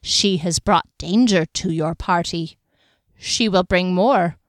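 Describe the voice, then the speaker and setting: A woman voicing a patronizing male wizard diviner with a nasal, sibilant voice and slow, knowing pronouncements. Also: lowish voice, no echo, studio quality. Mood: ominous.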